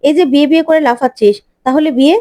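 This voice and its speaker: A woman's voice: sits high, very fast, mellow, lightly acted. A woman voicing a blunt older brother figure who demands answers in a story recap. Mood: demanding.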